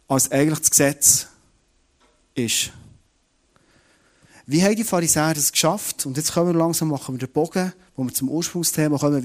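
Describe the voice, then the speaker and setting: Swiss german preacher guy, fairly high voice, animated storytelling sermon, keeps asking the crowd stuff. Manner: lively storytelling, addresses listeners directly. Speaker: pastor.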